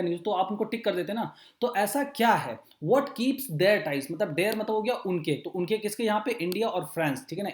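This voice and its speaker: Teacher with a roomy echo. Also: male voice, sits high. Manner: reads English slowly phrase by phrase, then explains, with frequent check-ins. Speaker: exam-prep teacher. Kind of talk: editorial reading lesson mixing Hindi and English.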